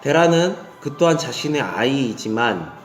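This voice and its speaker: A man's voice: medium pitch, very animated, normal speed. A man preaching, retelling a story earnestly with many fillers. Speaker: evangelist preacher. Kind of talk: storytelling sermon. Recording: roomy echo with faint music.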